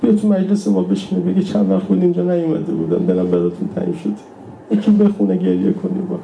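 A man preaching an emotional religious sermon, telling stories and sometimes dropping to a hushed near-whisper. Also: high voice, animated, creaky, a little hiss or hum, rough recording.

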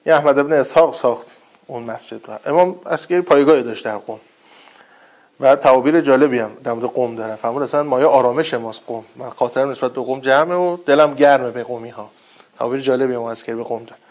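A man preaching a sermon, telling a religious story in a conversational way with rambling asides and slowly recited Arabic quotes. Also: medium pitch, a little mellow. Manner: recites Arabic quotes slowly, then retells them in plain speech.

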